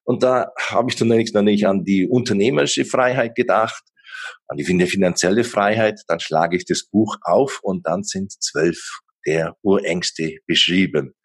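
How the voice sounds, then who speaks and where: This middle-aged podcast host has a low, slightly breathy voice and speaks at a normal speed. He interviews hesitantly, filling his talk with fillers and frequent restarts.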